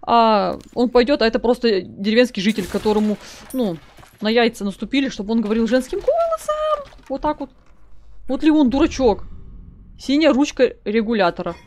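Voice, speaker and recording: Woman gamer, slightly high voice, loose chatty commentary to her viewers while she plays. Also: darkish tone, slight background noise. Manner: chatty, talks to viewers as "guys", reads notes aloud. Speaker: let's play gamer. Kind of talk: casual gameplay commentary.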